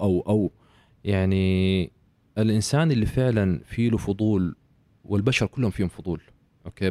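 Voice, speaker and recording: Man, guest author, rapid and insistent, dry close mic. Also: on the low side, darkish tone, dry recording. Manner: emphatic, lecturing, mixes in English phrases and frequent "okay". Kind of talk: casual conversational interview.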